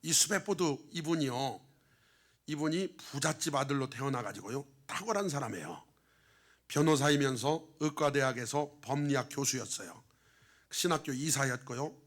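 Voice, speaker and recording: Korean pastor man preaching, kinda high voice, goes from soft storytelling to loud calls. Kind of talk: sermon.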